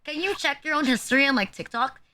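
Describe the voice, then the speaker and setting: A woman's voice: high-pitched, fast, pushed and bright. A young woman streaming live, chatting casually and bluntly, rambling with lots of "like" and crude jokes. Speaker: VTuber streamer.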